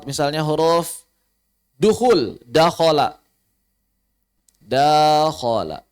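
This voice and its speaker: Leading an online recitation lesson, this Indonesian-accented man speaks on the high side, raising questions and answering them himself. When Arabic words come up, he slows to spell them out.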